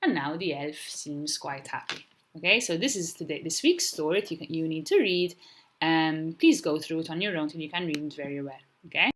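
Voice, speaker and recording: A woman with a Maltese accent, a primary school teacher recording a video lesson, speaking slowly and clearly and sounding out letters for young children. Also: deep voice, expressive, fairly bright tone, a little hiss or hum.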